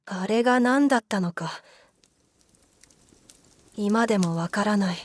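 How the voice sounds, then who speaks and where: A woman reads a scripted ghost story in a hushed, eerie manner. Her delivery is very slow, with deliberate pauses between short phrases. Her pitch sits in the middle range for a woman.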